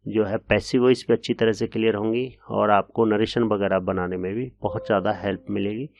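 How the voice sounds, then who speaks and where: A man with a fairly low voice talks students through a grammar point as their teacher. He explains patiently and often pauses on a drawn-out filler before going on. The recording is dry and close, with no room sound. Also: creaky, no room sound. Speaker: English teacher. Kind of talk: classroom lesson explaining grammar.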